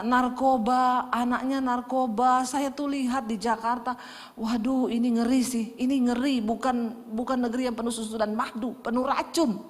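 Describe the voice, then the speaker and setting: A middle-aged woman pastor tells stories from the pulpit in a lively sermon, speaking straight to her congregation. Her voice sits fairly high. It rings out with the long reverb of a church hall. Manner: lively, addresses the congregation directly, acts out quoted dialogue. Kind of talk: storytelling sermon.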